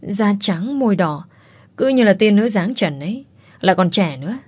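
A woman's voice: mid-range voice, animated, moderate pace, a little mellow, slightly rough. Woman doing a whimpering male servant. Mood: pleading. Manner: pleading, whimpering. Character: frightened whining male servant.

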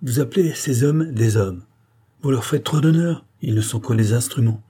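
A cold, scheming occultist, read by a man who lays out his case in long, sweeping, relentless periods. The voice is dark and husky, with a mellow, low warmth under the grandeur. It sounds like an audiobook character reading. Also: moderate pace, natural voice. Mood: grandiose.

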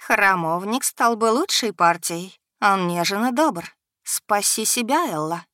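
A woman voicing a venomous spider spirit that whispers inside a mind, slow and insinuating. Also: medium pitch, animated, a bit bright, no room sound, studio quality.

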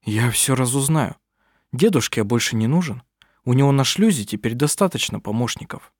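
A man's voice: mid-range voice, lively intonation, normal speed, no echo, clean studio sound, natural voice. A man reading aloud, voicing an earnest young man who is an eager would-be sorcerer and a fond son. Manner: earnest, affectionate.

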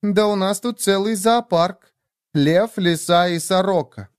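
A man's voice: sits high, clear, resonant tone, dry recording, studio quality, voice pushed up. A man voicing a brash, nervous young woman who turns crude and angry, in a read-aloud story. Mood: nervous teasing. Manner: mocking, crude, quick to anger.

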